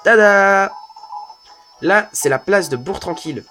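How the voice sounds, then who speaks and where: A man's voice: mid-range voice, lively intonation, moderate pace, soft background music. A young man commenting casually on a game he is playing, chatty and joking, often restarting his sentences. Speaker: let's play host.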